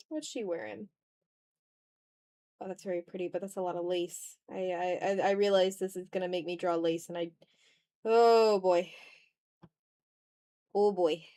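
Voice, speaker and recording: A woman with a fairly low, warm voice hosts a casual art livestream. She chats while she draws, thinking aloud and poking fun at herself.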